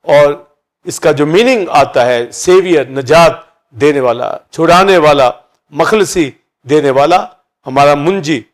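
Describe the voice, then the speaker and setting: A pastor preaches a sermon, explaining key words by listing several meanings for each. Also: male voice, a little high. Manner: teaching, repeats synonyms for each key word.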